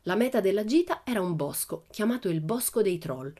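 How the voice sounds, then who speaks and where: A woman narrating a children's novel aloud in an expressive storytelling manner. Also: mid-range voice, fairly quick. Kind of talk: audiobook reading of a children's novel.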